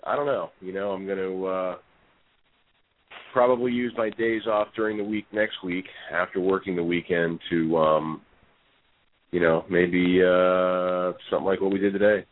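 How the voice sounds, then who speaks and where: Deep-voiced man on a tinny echoey speakerphone. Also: steady tone, normal speed. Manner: easygoing, many fillers and restarts. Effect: on speakerphone over a phone line. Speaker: fishing show co-host. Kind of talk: casual fishing chat and reading a report aloud.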